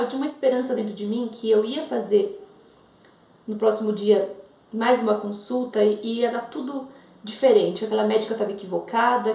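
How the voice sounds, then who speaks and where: A woman's voice: fairly high pitch, creaky, darkish tone, roomy sound, far from the mic. A Brazilian woman in her thirties telling her viewers an emotional personal testimony. She speaks earnestly, repeats phrases and addresses them directly. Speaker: mother sharing a faith testimony.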